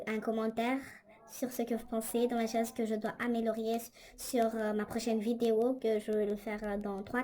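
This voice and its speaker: A woman's voice: on the high side, darkish tone. A young woman casually telling a story for her vlog, chatty and hesitant with many fillers, recorded on a tablet indoors. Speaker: vlogger. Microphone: tablet microphone.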